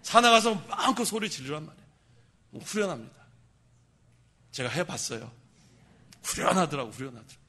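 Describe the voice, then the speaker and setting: A male pastor delivers a sermon in a bright, slightly high voice. He keeps quizzing the congregation and then supplies the answers himself. His loud emphatic bursts fall away to quiet remarks. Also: fairly quick, pauses often, husky. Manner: animated, asks the congregation questions and answers them himself; shouts for emphasis, then drops low.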